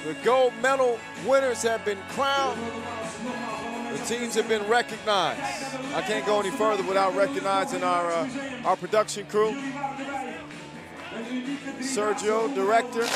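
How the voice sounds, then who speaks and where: High-pitched male sports host. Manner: informal hype, drawn-out phrases. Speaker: event commentator and host. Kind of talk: live sports commentary and sign-off. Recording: music and crowd behind live mic. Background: music and crowd.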